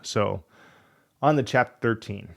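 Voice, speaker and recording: Fairly low-pitched, creaky, a bit bright and unhurried, this man hosts a coding tutorial while sick with a cold and losing his voice. He casually thinks aloud and lets out frustrated mutters as he debugs.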